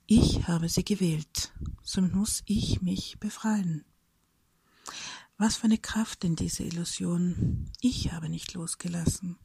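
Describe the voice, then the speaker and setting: A woman reading a reflective personal story aloud in a soft, breathy whisper, slowly and thoughtfully. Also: mid-range voice, no echo.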